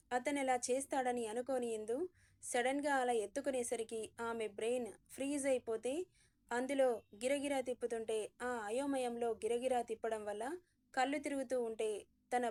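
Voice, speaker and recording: A woman narrating a romantic audio story in a smooth, even reading. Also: fairly high pitch.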